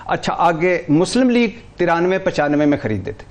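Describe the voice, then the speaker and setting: A man talking on a TV political talk show, animated, rattling off long lists of names with stumbles and restarts. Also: on the high side.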